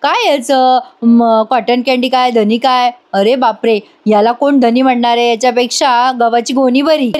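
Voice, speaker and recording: An irritated young wife who fires off impatient questions, voiced by a woman reading a recap. Her tone is high and sharp-tongued. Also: fairly even intonation, lightly acted. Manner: snapping, rapid questions.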